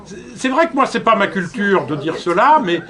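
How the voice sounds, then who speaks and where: Older male conference lecturer, around seventy, fielding questions with halting, measured talk. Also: high voice, sing-song, crowd noise. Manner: halting, repeats words, measured. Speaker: conference speaker. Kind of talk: answering audience questions.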